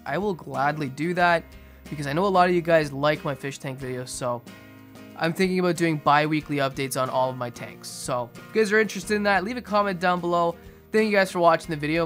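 A young man giving a casual aquarium update voice-over in a monotone, restrained way. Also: fairly high pitch. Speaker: fishkeeping video host. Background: music behind the voice.

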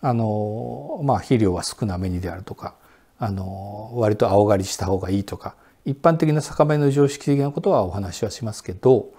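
Interviewed indoors in a quiet Japanese-style room with sliding doors, a sixties-aged man who directs a sake brewery sits and talks. His voice is low, dark and a little husky, and his answers are relaxed and explanatory, unhurried and full of filler pauses.

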